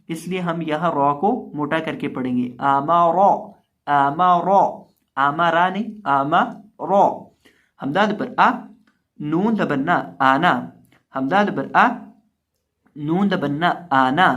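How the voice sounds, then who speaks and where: Patient man teaching recitation. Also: on the high side. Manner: patient, slow, spells letters then recites words aloud with emphasis. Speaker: Quran reading teacher. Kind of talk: recorded lesson.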